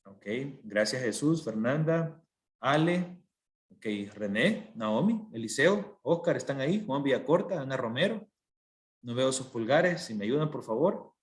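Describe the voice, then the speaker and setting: A man teaching a class over a video call, patient and methodical. He breaks every point into small steps and stops often to ask whether everyone is following. His voice sits at an ordinary middle pitch. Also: expressive, measured pace. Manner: patient, explains step by step with frequent checks for understanding. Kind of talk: online class lecture.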